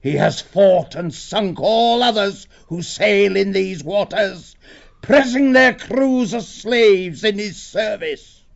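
A man voicing a huge, fierce old male badger lord who speaks slowly and gravely. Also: full character voice. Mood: stately. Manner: slow, booming and grave. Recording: dull lo-fi audiobook recording.

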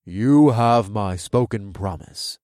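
A man voicing the stern, guarded male leader of the mole people, speaking slowly and formally. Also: lowish voice, lively intonation, darkish tone, no room sound, studio quality. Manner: slow, measured and formal.

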